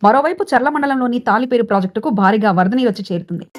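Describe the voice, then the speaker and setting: A woman news anchor reading a scripted bulletin in an even newsreader delivery. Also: on the high side, racing.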